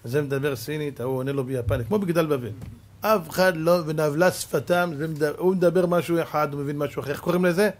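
A rabbi preaches with lively storytelling, dropping to quiet asides and then rising to shouts. His voice sits high for a man and has a husky edge. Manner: animated storyteller who swings from soft to shouting. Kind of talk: lively sermon with stories.

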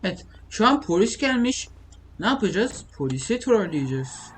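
A young man records informal gameplay commentary for his gaming videos, rambling and thinking aloud in a high voice with big pitch swings at a moderate pace. Background typing and keyboard clicks fill the clearly noisy home recording.

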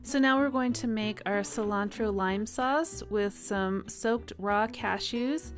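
A woman hosting a cooking channel, talking through each step in a relaxed, chatty voice-over with small laughs and fillers. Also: medium pitch, takes it slowly. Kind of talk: friendly voice-over cooking instructions. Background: soft guitar music.

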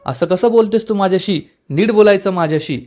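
A man's voice: fairly high pitch, a little fast, natural voice. A man voicing an irritable young husband who scolds his wife. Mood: irritated.

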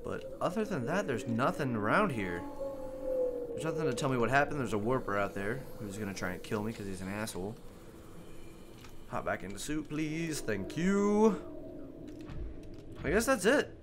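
A man's voice: medium pitch, noisy background. A man giving casual gameplay commentary as host, rambling and joking, swearing often. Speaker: gaming video host.

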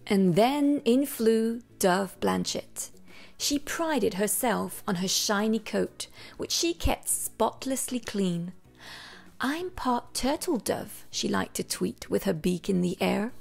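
A woman reading a children's picture book aloud in a gentle, expressive storytelling manner. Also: mid-range voice, takes it slowly, gravelly, soft background music. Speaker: storybook reader.

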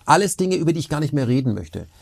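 Casting: man, rapid, husky and gravelly, animated rambling talker. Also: on the high side. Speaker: interview guest. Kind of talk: casual conversation.

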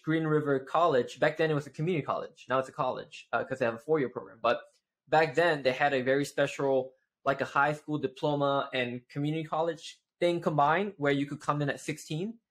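His voice is a little high and a little fast as this Malaysian man in his twenties chats casually on a video call from his shelved home office. Lively and using both hands as he talks, he keeps ending lines with "right?"

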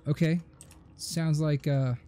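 A man's voice: a little high, steady tone, slow, dark tone. A young man giving joking, sarcastic running commentary while playing a video game. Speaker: gaming host. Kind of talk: let's play commentary. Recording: faint game music behind.

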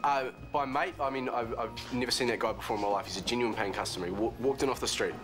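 A man's voice: mid-range voice, fast talker, over music, close to an everyday voice. An actor in his twenties with a New Zealand accent plays a cheeky, eager young barman with a stammering, informal way of talking in a TV soap. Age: 20s. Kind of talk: naturalistic TV soap acting.

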